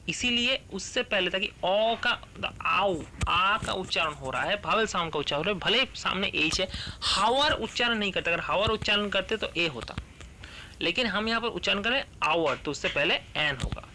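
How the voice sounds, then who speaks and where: A male English grammar teacher, reading rules aloud slowly and then explaining them, often asking the class a question and answering it himself. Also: sits high, animated, bright, forceful tone, a little hiss or hum.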